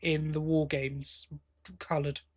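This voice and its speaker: A man co-hosts a podcast, casually reviewing an audio drama and offering enthusiastic opinions with frequent restarts. His voice is on the high side and level in tone, and he takes it slowly.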